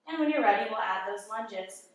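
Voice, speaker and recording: A woman yoga instructor calmly guiding a workout, giving encouraging breath cues and sounding slightly out of breath. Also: mid-range voice, normal speed. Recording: very echoey room, mic at a distance.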